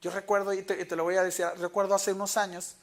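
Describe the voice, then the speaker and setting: Pastor preaching in church; tells stories and acts out the dialogue; mid-range pitch. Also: little pitch movement, fast. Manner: storytelling, acting out quoted dialogue. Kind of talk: sermon.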